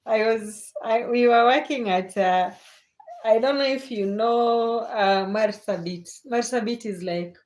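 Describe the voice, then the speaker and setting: Her pitch fairly high and a little mellow, a Kenyan woman speaks at a measured pace while hosting a relaxed late-night livestream. She reads out viewer comments, chats without rushing, and laughs frequently.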